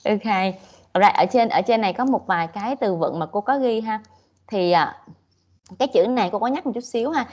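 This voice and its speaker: A woman with a Southern Vietnamese accent teaches an English class online, switching between English and Vietnamese and saying "okay" often. Her voice is medium pitch, moderately paced and darkish, in dull audio.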